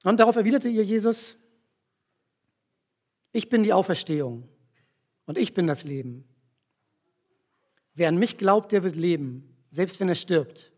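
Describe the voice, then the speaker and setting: A man with a fairly high, husky voice preaches to a gathering. He retells a scripture passage step by step and has volunteers stand up to act it out. He checks in with his listeners with short tag questions as he goes. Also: lively intonation, darkish tone. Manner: explains slowly with frequent tag questions. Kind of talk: sermon with volunteer demonstration.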